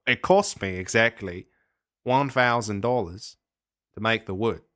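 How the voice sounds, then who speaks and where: A man voicing a boastful Australian salesman who buries chimpanzees, rambling through made-up chemistry in a low, bright voice. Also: a little slow, dry recording, clean studio sound. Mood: bluffing salesman. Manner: rambling, sales-pitch bluster with fake chemistry.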